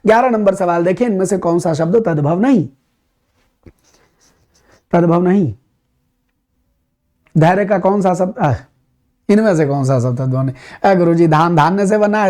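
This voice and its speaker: A man teaching Hindi grammar for an exam, explaining patiently, slowing down to recite verses and repeating key words for emphasis. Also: high-pitched, darkish tone. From India. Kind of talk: exam-prep grammar lesson.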